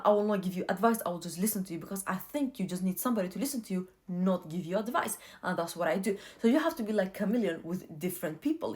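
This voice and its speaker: Speaking to camera in a relaxed way, a young non-native English speaker shares sincere life advice, repeating points again and again to drive them home. Her pitch is medium.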